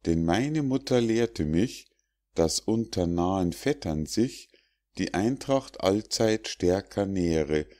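A man voicing a polite, quick-witted squirrel who stays wary, in a storybook fable reading. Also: deep voice, animated. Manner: courteous, gently mocking.

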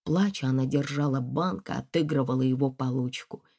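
A woman's voice: very deep voice, moderate pace, warm tone. A woman reading a novel aloud as a narrator, telling the story expressively. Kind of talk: audiobook reading.

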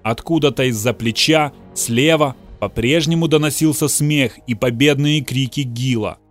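A man with a medium-pitched voice narrates a novel as an audiobook at normal speed, with soft music in the background. His reading is dramatic, and he voices the characters' shouts and outbursts.

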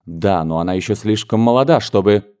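A man reading an audiobook, voicing a proud, easily angered elder sister who speaks in sharp, indignant outbursts. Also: lowish voice, brisk, smooth, close to an everyday voice.

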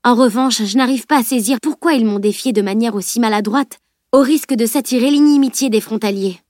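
A woman's voice: a little high, a little fast, a little mellow, no echo, studio quality, pitched above the performer's own voice, natural voice. Woman voicing an earnest teenage girl. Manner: earnest, reasoning aloud. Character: determined teenage girl, young magic-user.

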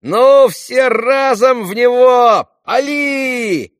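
A man reading an audiobook and voicing a rowdy pack of schoolboys with shrill, jeering shouts. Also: drawn-out words, clear, resonant tone, dry recording, clean studio sound, full character voice.

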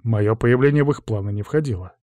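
A man reading an audiobook aloud in a steady, wry storytelling manner. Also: lowish voice, a little fast, no room sound. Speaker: audiobook narrator. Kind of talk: audiobook narration.

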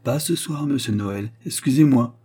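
A man's voice: mid-range voice, normal speed, warm tone, breathy edge, pitched above the performer's own voice, close to an everyday voice. A man voicing a polite but stubborn young man defending himself. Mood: earnest.

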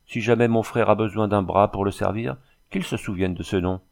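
Brief: male narrator doing a proud, reverent native warrior, grave and formal, gravelly low tone. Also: fairly even intonation, a little fast, darkish tone. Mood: solemn.

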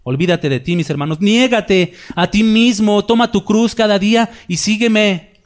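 Male pastor, somewhat high voice, delivering a sermon with emphatic repetition and rhetorical questions. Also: moderate pace. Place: church.

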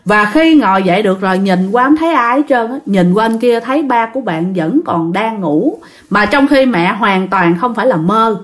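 Speaking at a moderate pace with a medium-pitched voice, a woman with a Southern Vietnamese accent tells a ghost story casually. She's animated and talks directly to her listeners.

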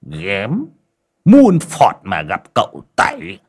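A man's voice: low voice, sing-song, takes it slowly, husky, full character voice. A man voicing a sick, stubborn old village man with a sarcastic streak. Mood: mocking. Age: older. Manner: mocking, sarcastic.

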